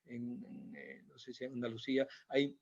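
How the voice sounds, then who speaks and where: A man speaks as a doctor giving an informal health talk, walking through slides with patient explanations. He repeats key points and hesitates often. His mid-pitched voice comes through a dull, lo-fi recording. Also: little pitch movement, normal speed, creaky, slightly rough. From Spain. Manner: explanatory, repetitive, many hesitations. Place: Canary Islands. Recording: dull lo-fi sound.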